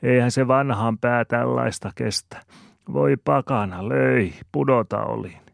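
A man's voice: medium pitch, vocal fry, no echo, voice pushed up. A man putting on a wailing frail old grandmother. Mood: lamenting. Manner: wailing, lamenting.

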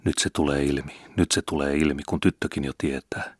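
A man's voice: very deep voice, steady tone, slightly rough, dry recording, clean studio sound. A man voicing a middle-aged farmer, guilt-ridden and panicky, in an audiobook reading. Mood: panicked.

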